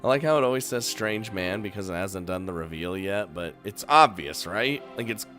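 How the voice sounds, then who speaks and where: A man's voice: low-pitched, normal speed, faint music behind. Laughing man reading a game aloud. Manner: animated, laughs often, reacts loudly and jokes. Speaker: game streamer. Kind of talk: let's play, reading game text aloud with commentary.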